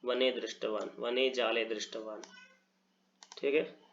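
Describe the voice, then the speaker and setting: A man's voice: mid-range voice, level tone, unhurried, creaky, a bit bright, muffled recording, slight background noise. A man, a Sanskrit teacher walking through exam answers, mixing Hindi and English, his throat tired. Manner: mixes Hindi and English, explains step by step.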